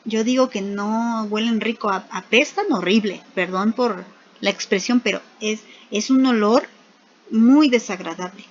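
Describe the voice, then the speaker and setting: A woman's voice: mid-range voice, a little slow, a little hiss or hum. A woman teaching a Bible study, speaking patiently and repeating words for emphasis. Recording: muffled lo-fi recording.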